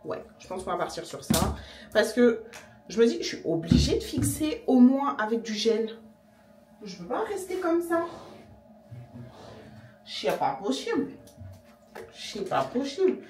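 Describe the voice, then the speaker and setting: A young woman chatting casually to camera in her vlog, slangy and relaxed, sometimes talking with her mouth full. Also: on the high side, normal speed, soft background music. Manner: chatty, slangy, talks while eating. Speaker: vlogger. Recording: echoey room, voice a bit distant.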